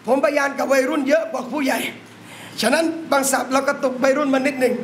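A man preaching an Islamic sermon to a gathering in a noodle shop, impassioned and often breaking into shouts while calling his listeners brothers and sisters. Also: very high voice, steady tone, fast talker, a little hiss or hum. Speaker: Islamic religious teacher. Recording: echoey room.

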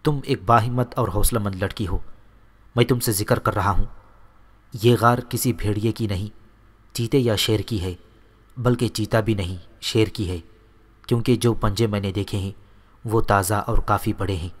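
A man voicing a brave young male warrior who gives calm, firm orders to his family. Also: lowish voice, pauses often, close to an everyday voice. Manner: firm, commanding.

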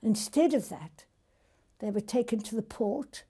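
An older woman gently telling the story of prisoners she once spoke with. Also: fairly high pitch, a little slow, breathy edge. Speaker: interviewee recalling wartime occupation. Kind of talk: reminiscing testimony.

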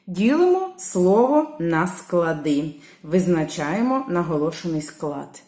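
A woman teaching a primary school lesson, slowly calling out each word and stretching its stressed syllable. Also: lowish voice, very animated, warm tone. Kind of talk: slow classroom lesson. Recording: echoey room.

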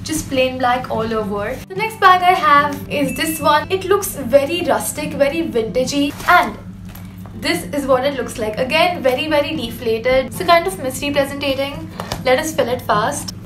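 A young woman with an Indian English accent, reviewing a bag haul in a chatty, expressive vlog from her bedroom. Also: high-pitched, normal speed, echoey room. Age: young adult. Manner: chatty and expressive, mixing in Hindi phrases. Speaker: vlogger. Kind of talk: casual product haul review. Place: bedroom with striped wall.

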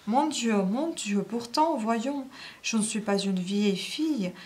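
A plaintive, imploring lady of the house, neglected and tearful, begging her maid for reassurance, as a woman reads her lines from a novel. Her lines come in a soft, pleading tone. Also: on the high side, lively intonation, takes it slowly. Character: lonely, pleading, tearful upper-class wife.

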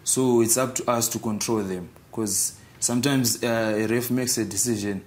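A young man from Zimbabwe, a football vice captain, giving calm, measured answers in a TV studio interview. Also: mid-range voice, slight background noise.

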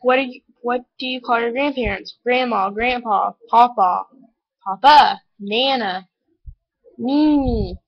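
A woman's voice: on the high side, unhurried. Young-sounding Oklahoma woman on webcam. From Oklahoma, USA. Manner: reads words aloud, self-correcting chatter. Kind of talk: casual webcam challenge. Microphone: webcam mic. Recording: lo-fi webcam audio.

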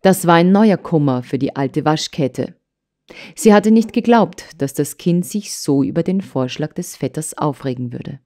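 A woman narrating a story for an audiobook in a calm, measured way. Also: deep voice. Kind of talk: scripted narration.

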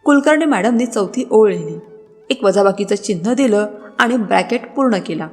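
A woman narrating a scripted story in a dramatic, expressive way. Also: mid-range voice, normal speed. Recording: long reverb with background music.

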